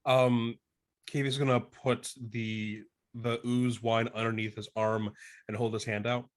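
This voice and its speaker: A man's voice: medium pitch, little pitch movement, a little slow. A man talking casually as a player at a tabletop game.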